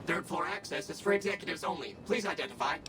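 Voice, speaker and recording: An actor voicing a courteous, overly smooth male security robot in a video game, heard as if from a speaker at a distance. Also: high voice, fast talker, sharp tone, a little hiss or hum. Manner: too smooth, courteous synthetic android voice.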